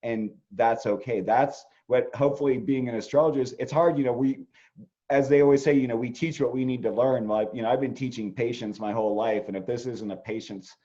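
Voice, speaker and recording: A man's voice: medium pitch, a little fast, mellow, muffled recording. A middle-aged man, an astrologer, talking casually and rambling with many fillers. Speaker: astrologer co-host. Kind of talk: casual conversation.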